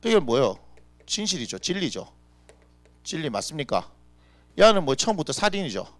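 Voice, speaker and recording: A male pastor preaching a lively, conversational sermon full of rhetorical questions. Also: a little high, moderate pace, no room sound. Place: church.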